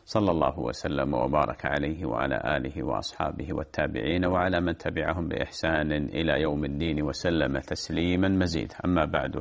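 A man with a deep, gravelly voice hosts a call-in program as a sheikh. He speaks quickly, opening with formal blessings and then guiding callers with short, pointed questions. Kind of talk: call-in radio Q&A.

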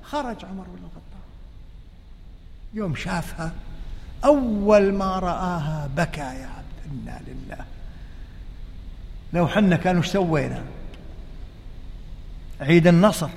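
A man's voice: high voice, gravelly. A man preaching a sermon, telling the story with emotion and firing rhetorical questions at his listeners. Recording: long hall reverb.

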